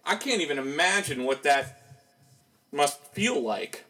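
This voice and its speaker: A man's voice: a little high, expressive, unhurried, pushed and bright, low-quality recording. A man preaching a sermon in a conversational way, asking rhetorical questions as he goes.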